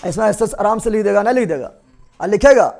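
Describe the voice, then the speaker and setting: A young male teacher, giving a classroom biology lecture and drilling students with repeated quick questions. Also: high-pitched, animated, creaky, darkish tone.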